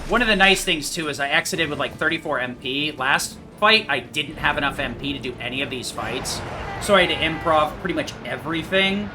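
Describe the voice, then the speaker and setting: Fairly high-pitched and brisk, a man casually rambles through matter-of-fact commentary on his own speedrun, picking apart his mistakes. It's a clearly noisy home gaming recording.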